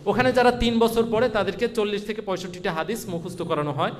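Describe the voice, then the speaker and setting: A man's voice: high voice, steady tone, fast, long reverb tail. A man explaining a school's curriculum, talking hesitantly and mixing in English phrases. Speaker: school representative.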